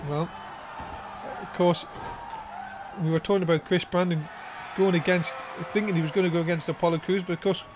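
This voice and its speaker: A high-voiced man working as a wrestling commentator. He delivers informal play-by-play and stretches his words when the action peaks. Some background noise sits behind his voice. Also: crowd noise. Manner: breaks into drawn-out excited shouts at big moves.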